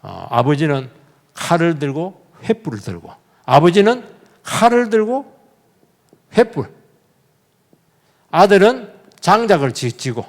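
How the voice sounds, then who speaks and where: Man, pastor, sermon, fairly high voice, lively swooping delivery, long church-hall reverb, questions the congregation. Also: unhurried, pauses often. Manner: animated storytelling with sudden emphatic bursts. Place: church sanctuary.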